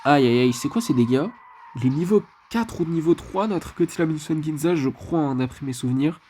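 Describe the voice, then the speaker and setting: A man's voice: fairly high pitch, fairly quick, dark tone, a little hiss or hum. A man giving casual commentary over his mobile game match, chatty and leaning on filler phrases. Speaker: mobile game channel host.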